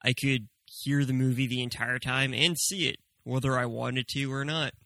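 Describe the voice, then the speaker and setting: A man co-hosts in a casual, dryly offhand way. His voice has plenty of creak and fry, and it is recorded close with no room sound. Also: medium pitch, fairly even intonation, normal speed, pushed and bright, dry recording. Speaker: movie review show co-host. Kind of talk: casual review chat.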